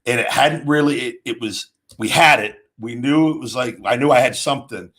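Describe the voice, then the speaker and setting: A man in his late thirties, a former pro wrestler, hosts a casual talk show and answers viewers' questions in an off-the-cuff monologue. His medium-pitched voice has a fairly bright tone, and he rambles, halts, and keeps restarting sentences.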